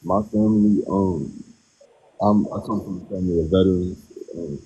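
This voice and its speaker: A man's voice: low voice, steady tone, moderate pace, dark tone, slight background noise. An eighteen-year-old man from the United States calling in to a live stream, hesitant with many ums, his voice muffled as if heard through a wall from a covered mic. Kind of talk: casual call-in talk.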